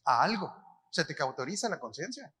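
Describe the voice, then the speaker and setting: A man with a Mexican accent preaching at a conference, his voice high and bright. He speaks colloquially and keeps putting questions to the crowd and answering them himself. The delivery is sharp and lively. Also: fairly quick, breathy edge. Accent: Mexican Spanish. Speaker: apostle preaching. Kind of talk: conference sermon.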